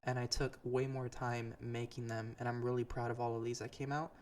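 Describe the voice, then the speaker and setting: A young podcast host chats casually and earnestly, rambling with lots of ums and restarts. His medium-pitched voice is level and darkish, his pace brisk, and there's a little hiss or hum in the background.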